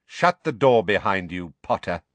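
Guy putting on a cold sneery teacher, slow and contemptuous, kinda low. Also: lively intonation, dry recording. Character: cold sneering male professor, middle-aged.

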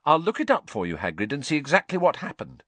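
A clever, earnest schoolgirl keen to help, as a male reader puts her on. The pitch sits well above his own and moves lively. Dry, close recording. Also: no echo. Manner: earnest, quick, raised pitch.

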